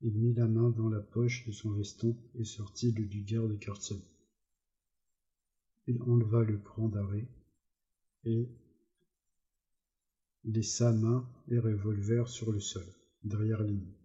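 A man reading a novel aloud as an audiobook narrator, in an even, measured way, on a slightly dull recording. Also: lowish voice. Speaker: audiobook reader. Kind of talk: literary narration.

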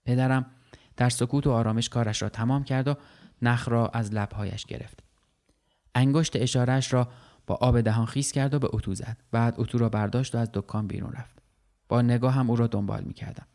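A male storyteller reads a literary short story in a calm, measured way. His voice sits at an ordinary middle pitch, and his pacing stays steady through each sentence. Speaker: narrator. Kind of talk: scripted narration of a short story.

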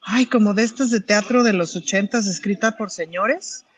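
A woman's voice: medium pitch, moderate pace, slight background noise. A Mexican woman on a talk panel, joking and teasing the others. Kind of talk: comic panel banter.

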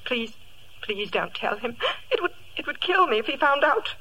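A woman playing an anguished, pleading gentlewoman in melodramatic 1940s radio acting. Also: high voice, sing-song, moderate pace, slight background noise, exaggerated voice, poor audio. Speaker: radio actress.

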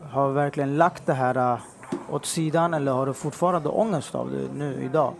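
A man's voice: medium pitch, creaky, noisy background. A man co-hosting a podcast, asking a supportive question with some hesitation. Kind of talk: interview questions.

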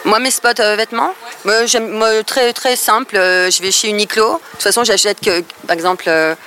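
Hesitant bright-voiced woman, faint background. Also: medium pitch, steady tone, normal speed, a little hiss or hum. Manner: hesitant, many "euh" and restarts. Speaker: guest. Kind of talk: casual chat.

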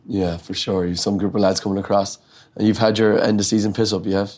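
A man's voice: on the low side, level tone, fast talker, a little mellow. An Irish man co-hosting a casual sports interview and putting questions to a guest. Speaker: studio co-host putting questions.

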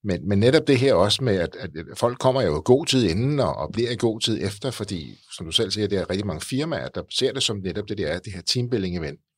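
A male host with a very low, husky voice asks encouraging questions, stumbling over words and repeating himself as he goes. His voice is picked up close and dry, with no room echo. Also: expressive. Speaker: podcast host. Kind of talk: interview conversation.

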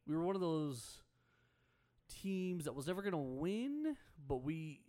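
A man's voice: a little high, big pitch swings, a little slow, dark tone. A young man hosting a local sports radio show, chatting loosely with jokes and asides. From Houston area, Texas. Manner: joking, loose banter with asides. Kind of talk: casual sports radio chat.

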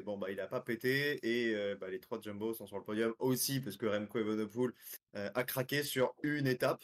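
A man co-hosting a casual podcast over a remote call, relaxed and conversational with fillers. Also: mid-range voice. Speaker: co-host.

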